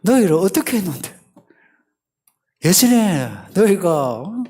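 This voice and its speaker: Male pastor acting out God as a fed-up father: loud, high, husky scolding. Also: big pitch swings, slow pace, exaggerated voice. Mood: exasperated. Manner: shouting, pleading rebukes.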